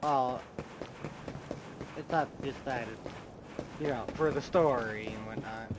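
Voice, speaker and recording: A man's voice: medium pitch, slow. A tired man giving casual gameplay commentary, rambling and trailing off mid-sentence. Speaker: let's play host. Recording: loud background noise.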